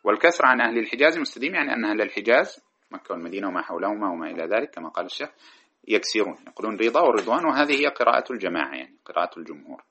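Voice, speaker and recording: Lecturing verse by verse on a classical grammar text, this man chants the lines of poetry he cites and sometimes stops to correct himself mid-sentence. He talks very fast in a lowish, expressive voice with a sharp, slightly rough tone. The audio is dull and lo-fi.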